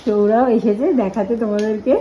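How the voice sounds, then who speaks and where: A woman's voice: mid-range voice, fairly even intonation, fairly quick, warm tone. A woman, a mother, chatting casually in a home vlog and coaxing her small son. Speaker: vlogger, mother. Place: home indoors. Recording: noisy home ambience.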